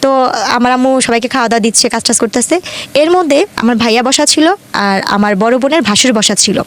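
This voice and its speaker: A young woman's voice, on the high side and fairly quick, relates her own life in a detailed, chatty way with a Bangladeshi accent. She frequently slips into quoted dialogue as she retells events.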